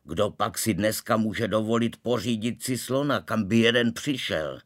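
A man voicing a gruff, grumbling, penny-pinching middle-aged father in a storybook reading. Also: deep voice, lively intonation, fairly bright tone, heavily acted.

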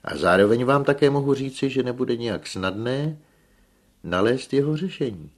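A man reading aloud and voicing a pompous young male engineer who lectures slowly and emphatically, rolling his R's. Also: mid-range voice, animated, pitched above the performer's own voice, close to an everyday voice. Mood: lecturing. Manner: slow, emphatic lecturing with rolled R.

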